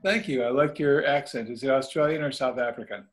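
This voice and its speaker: A man talks as the guest in a casual spiritual interview, his middle-pitched voice drifting from thought to thought in a folksy way. He calls the listeners pet names and keeps his delivery loose and unhurried. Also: poor audio. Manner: meandering, folksy, addresses listeners as babies and kiddies. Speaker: guest author.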